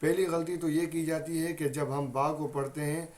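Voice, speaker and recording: A man's voice: a little high, steady tone, moderate pace, a little mellow. A man with a Pakistani Urdu accent teaching a Quran recitation lesson, patiently repeating each point and saying letters aloud as examples.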